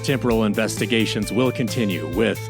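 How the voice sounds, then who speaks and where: A man with a lowish voice hosts a podcast in the role of an investigator, speaking briskly with music behind him. His comedic review is semi-scripted and delivered in a conversational, mock-official style.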